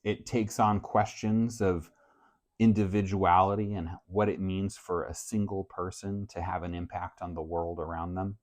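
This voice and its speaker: A man who grew up in France, talking casually to camera about his reading list in a relaxed, measured way. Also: deep voice. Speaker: book vlogger. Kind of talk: casual book talk to camera.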